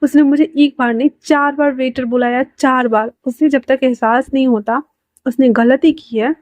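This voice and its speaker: Stubborn young guy all huffy and indignant a woman doing him, kinda high, dry mic. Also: steady tone, moderate pace, darkish tone, no echo, close to an everyday voice. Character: angry young man, sulking and stubborn.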